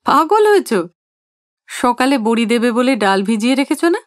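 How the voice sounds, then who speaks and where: A woman's voice: fairly high pitch, sing-song, moderate pace, no echo, clean studio sound. A woman voicing an older husband who banters in a playful, mock-innocent way in an audio story.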